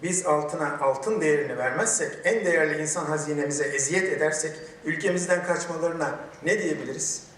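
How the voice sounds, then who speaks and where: A man speaking at a podium microphone in a large hall, giving a formal prepared speech with emphatic, measured delivery and rhetorical questions. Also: on the high side, a little hiss or hum. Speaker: medical chamber president giving a ceremony speech. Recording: very echoey hall, voice distant from the mic.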